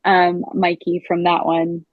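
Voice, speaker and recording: A woman's voice: on the low side, monotone, slow pace, no echo, phone-quality sound. A woman in her forties, a guest artist, speaking hesitantly with many "um" fillers. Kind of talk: casual interview chat.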